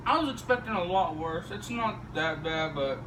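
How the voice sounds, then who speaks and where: A man's voice: sits high, expressive, normal speed. Man talking with a lip full of dip. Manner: blunt, heavily profane. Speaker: amateur dip reviewer. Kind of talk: casual chat, product review banter. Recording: noisy, echoey, distant microphone.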